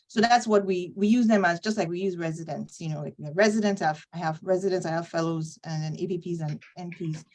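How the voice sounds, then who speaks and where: A woman talks casually as a guest, explaining her work with plenty of "you know" fillers. Her tone is relaxed and conversational throughout. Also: fairly low pitch, quick pace, hardly any pauses, far from the mic. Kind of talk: casual video call chat.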